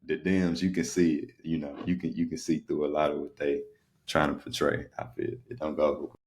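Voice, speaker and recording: Very deep-voiced man, rambling podcast talk. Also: little pitch movement, moderate pace, a little mellow. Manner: loose, rambling, lots of "you know what I'm saying". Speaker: podcast co-host. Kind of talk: casual chat.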